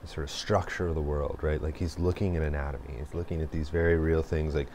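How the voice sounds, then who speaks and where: A man with a very low voice reflects aloud in a slow, wandering way, pausing often and trailing off with fillers. A faint hiss sits under the recording. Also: flat delivery, a little mellow. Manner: slow and meandering, with many pauses and fillers. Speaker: host. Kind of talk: reflective spoken monologue.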